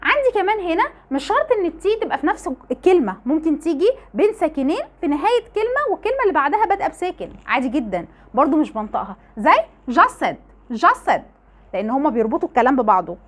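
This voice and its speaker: A woman with an Egyptian Arabic accent teaching an online English pronunciation lesson, repeating each example word. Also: high-pitched. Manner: lively, fast explaining with repeated example words.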